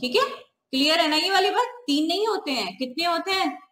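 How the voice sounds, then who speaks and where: High-voiced woman teacher, echoey room. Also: animated, fairly bright tone. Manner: asks questions and answers them herself; repeats key terms slowly. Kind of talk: classroom grammar lesson.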